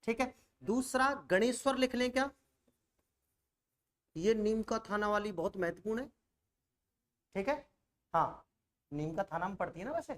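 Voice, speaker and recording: A man's voice: sits high, normal speed, pauses often, fairly bright tone. A male teacher giving an online exam-prep coaching lecture, chatty and always checking in with students through rhetorical questions.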